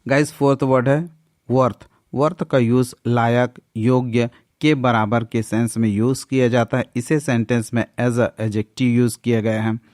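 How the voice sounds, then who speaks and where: A man with an Indian accent, slowly reading a scripted English vocabulary lesson in a mix of English and Hindi. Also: medium pitch, level tone, a little mellow, dry recording, studio quality. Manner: slow, deliberate reading pace. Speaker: English teacher.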